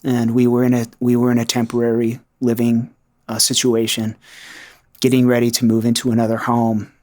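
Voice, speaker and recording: A man's voice: mid-range voice, completely flat delivery, a little fast, a little mellow. A man recounting his own story in an earnest, reflective way, as a podcast guest. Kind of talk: personal testimony.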